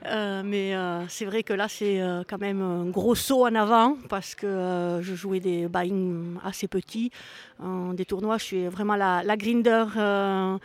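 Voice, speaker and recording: A woman's voice: medium pitch, steady tone, a little slow, no echo. Woman, southern French accent with Spanish tinge, hesitant, filler-heavy interview answers. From southern France. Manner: hesitant, many fillers, light laughs. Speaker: guest, professional poker player.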